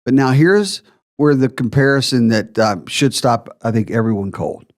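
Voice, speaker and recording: A man's voice: mid-range voice, moderate pace. A man hosting a retirement planning podcast, explaining figures step by step with emphasis.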